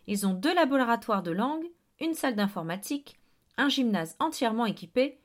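A woman reading an audiobook, voicing a blustering middle-aged man in a wheelchair who barks and gets excited. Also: on the high side. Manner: barking, excitable, bossy.

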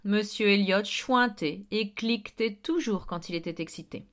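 Audiobook narrator, woman, steady storytelling at a middle pitch. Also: normal speed.

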